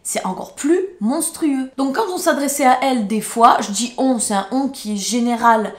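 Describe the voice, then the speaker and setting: A woman's voice: on the high side, normal speed. Indignant woman telling a story. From France. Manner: emotional, indignant, swears when angry. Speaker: YouTuber. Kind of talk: storytime vlog. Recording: roomy echo.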